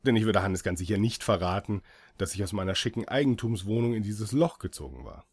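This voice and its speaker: A man's voice: on the low side, lively intonation, fairly quick, slightly rough. A man reading a first-person story aloud as an audiobook, with dry, ironic delivery. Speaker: audiobook reader.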